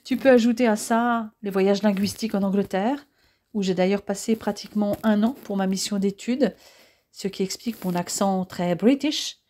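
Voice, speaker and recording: A woman's voice: medium pitch, moderate pace, mellow, close to an everyday voice. A woman reading the lines of an affectionate young woman who loves history, in an audiobook. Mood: chatty.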